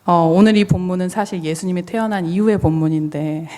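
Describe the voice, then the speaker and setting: In a church sanctuary with a long, reverberant hall sound, a woman pastor preaches a sermon, explaining and putting questions directly to listeners. Her lowish, dark-toned voice moves fairly quickly but is somewhat strained, kept to a low register while she recovers.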